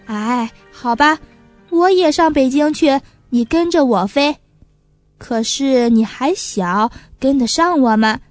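A woman voicing a busy, kindly grown female magpie in a storybook reading, brisk and warmly teasing. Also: sits high, dry recording, faint music behind.

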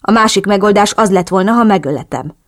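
A woman reading the lines of a cold, calculating male drug cartel boss in an audiobook, in a cool, measured, blunt manner. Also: medium pitch, lightly acted.

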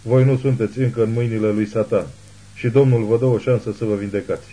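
A man voicing a zealous old woman who calls herself a prophet, speaking in a hushed but imperious way. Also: lowish voice, steady tone, close to an everyday voice, rough recording.

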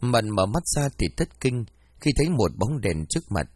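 A man narrating a ghost story in an expressive storytelling manner, as an audiobook. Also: mid-range voice, moderate pace, dry recording.

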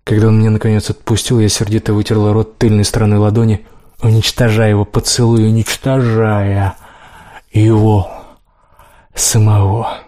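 A man reading a first-person romance novel aloud, slow and measured. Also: lowish voice, level tone, warm tone. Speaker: audiobook reader.

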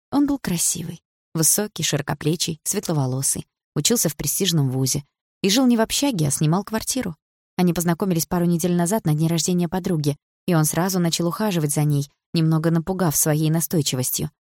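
A woman reading a story aloud as narrator in an even, measured way. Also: low-pitched, no echo, clean studio sound. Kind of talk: audiobook narration.

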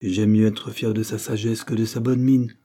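A man's voice: lowish voice, flat delivery, moderate pace, mellow, lightly acted. A man reading the lines of a fond middle-aged mother in a French storybook, tender and teasing.

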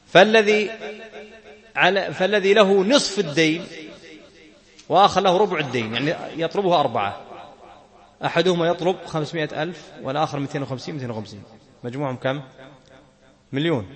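A man teaching Islamic jurisprudence, reading a text and explaining it, often asking a question and answering it himself. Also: a little high. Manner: questions and answers himself, laughs now and then.

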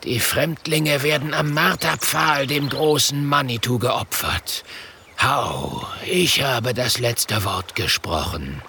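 A man doing a slow, murmuring old great chief. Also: mid-range voice, vocal fry, background noise, voice pushed up. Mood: solemn.

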